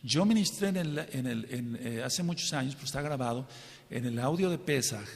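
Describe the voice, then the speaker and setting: A man's voice: medium pitch, animated, moderate pace. A man preaching a teaching sermon to a congregation, stressing and repeating key points and asking his listeners questions. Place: congregation hall. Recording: long hall reverb.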